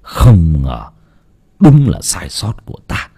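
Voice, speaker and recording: A man's voice: wildly swooping pitch, dark tone, slightly rough, heavily acted. A man doing a solemn old exorcist. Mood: rueful. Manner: low, measured, solemn. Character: calm old male exorcist, about seventy.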